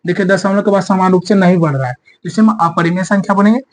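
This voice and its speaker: A man's voice: sits high, fairly even intonation, fast. A male maths teacher explaining a lesson step by step, asking the class rhetorical questions and repeating key points. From India.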